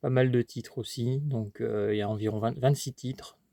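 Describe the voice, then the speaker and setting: A man's voice: mid-range voice, fairly even intonation, normal speed, gravelly, warm tone, dry recording, studio quality. A man chatting casually about his haul, rambling with many fillers and restarts while eating. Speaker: collector vlogger.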